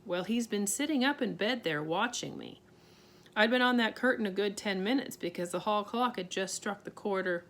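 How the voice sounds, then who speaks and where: Pod, a woman voicing a tiny steady borrower father. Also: medium pitch, normal speed. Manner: homely ungrammatical talk, calm reassuring. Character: tiny borrower father, middle-aged, steady, plain-spoken.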